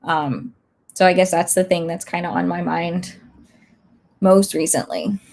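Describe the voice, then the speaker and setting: A woman instructor casually chatting on a livestream, a bit hoarse as she loses her voice, thinking aloud with lots of fillers. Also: on the low side, unhurried, darkish tone. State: slightly hoarse, losing her voice. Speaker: online instructor.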